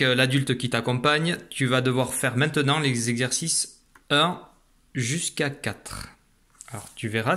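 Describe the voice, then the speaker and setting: A man teaching young children a phonics lesson, saying each sound slowly and carefully. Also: mid-range voice, a bit bright. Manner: slow, careful, stretched-out pronunciation of sounds. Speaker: primary school teacher.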